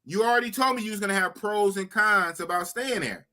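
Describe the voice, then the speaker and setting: Brisk and sitting high in pitch, the voice belongs to a podcast host in his fifties chatting casually on a live stream. He's animated, responds to the chat, and repeats himself often.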